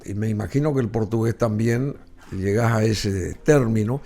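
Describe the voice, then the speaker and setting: A man's voice: on the low side, moderate pace, warm tone. A man hosting an interview, asking long, hesitant, rambling questions. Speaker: interviewer host.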